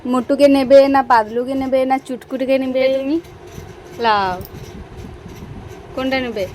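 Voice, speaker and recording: A woman's voice: high-pitched, steady tone, moderate pace, darkish tone, a little hiss or hum. A woman talking playfully to a baby in coaxing, sing-song baby talk.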